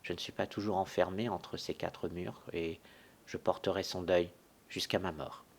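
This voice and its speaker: A proud, grieving young widow, read by a man in his own voice, speaking low and hushed as she laments, haughty and easily offended. It is part of a solo dramatic reading of a stage farce. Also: steady tone, normal speed, creaky, a little hiss or hum. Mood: lamenting. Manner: soft, lamenting, turning haughty and indignant.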